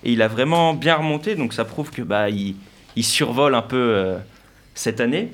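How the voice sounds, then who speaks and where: Man co-host, casual sports talk, relaxed opinions, mid-pitched. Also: moderate pace. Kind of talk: casual radio sports chat.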